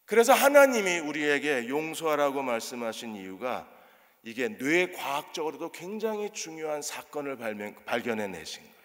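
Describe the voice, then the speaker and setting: A male pastor preaching a sermon to his congregation, animated and throwing rhetorical questions to them. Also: fairly high pitch. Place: church sanctuary. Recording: long church reverb.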